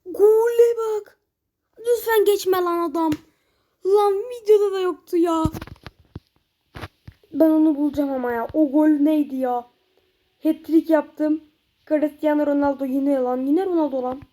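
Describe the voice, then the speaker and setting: A high, dark-toned woman commentating her own football video game session. She shouts at her players, groans when a pass fails and stretches her goal calls out long. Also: steady tone, a little slow, long pauses. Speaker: gameplay streamer.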